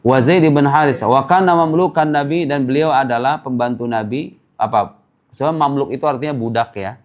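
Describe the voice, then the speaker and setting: A man's voice: medium pitch, normal speed. Man, Islamic lesson, conversational, rhetorical questions, joking. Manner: lively, questions the class and answers himself; casual, joking. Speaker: Islamic teacher. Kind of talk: informal religious lesson.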